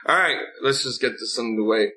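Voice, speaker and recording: Bright, forceful man ranting casually. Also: mid-range voice, fast. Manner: blunt, profane. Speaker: host of a wrestling recap show. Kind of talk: casual opinionated rant.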